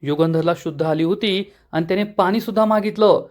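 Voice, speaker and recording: A man's voice: high-pitched, brisk, natural voice. A man voicing an older mother, eager and hopeful about her son, read out in a serial recap.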